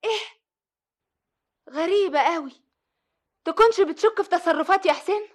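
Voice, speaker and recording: An actress with an Egyptian accent playing a sociable young wife in a radio drama, pleading and easily hurt. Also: female voice, very high voice, moderate pace. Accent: Egyptian Arabic.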